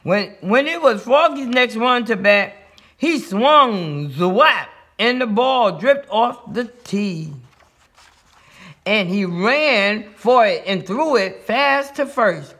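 A man reading a children's picture book aloud in a lively way, with sound effects and small slips. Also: high-pitched, slow pace. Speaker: story reader.

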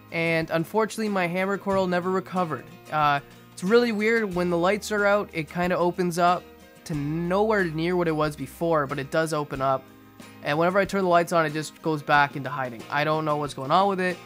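A young man giving a casual aquarium update voice-over in a monotone, restrained way. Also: fairly high pitch. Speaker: fishkeeping video host. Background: music behind the voice.

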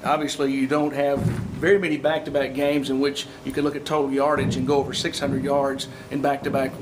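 A man interviewing players and coach after a football game, reading off stats in an even delivery. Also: mid-range voice, fairly quick, background noise. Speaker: sports interviewer. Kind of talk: postgame interview questions.

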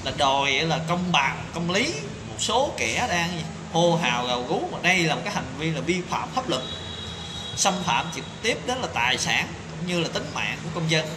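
A commentator in his thirties delivers an indignant opinion monologue to camera, packed with rhetorical questions and fillers, filmed on a phone in a small, echoey tiled room with background noise. His voice is a little high, with big pitch swings, at a moderate pace.

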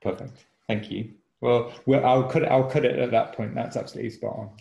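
Guy from cumbria hosting a chat on a video call, rambly, lots of uhs, bit of creak, echoey room. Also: mid-range voice, fairly even intonation, a little fast, warm tone, highs cut off. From Cumbria, England. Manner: friendly, rambling, many fillers and restarts. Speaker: magazine editor and interviewer. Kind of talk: casual interview chat.

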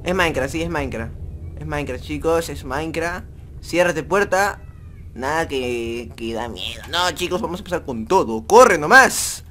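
A man's voice: fairly high pitch, normal speed, fairly bright tone, a little hiss or hum. A young man with a Peruvian Spanish accent, playing a horror game and commenting for viewers, jumpy and joking. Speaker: gaming youtuber. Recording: faint music behind voice.

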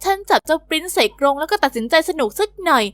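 A woman narrating a first-person animated diary story in a bubbly, expressive teen-girl manner. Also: high-pitched, fast talker, no room sound.

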